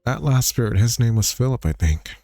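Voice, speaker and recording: A man's voice: medium pitch, lively intonation, brisk, vocal fry, dark tone, dry recording. Emotional male game streamer. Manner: emotional, openly moved, laughing. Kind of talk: live game playthrough chat.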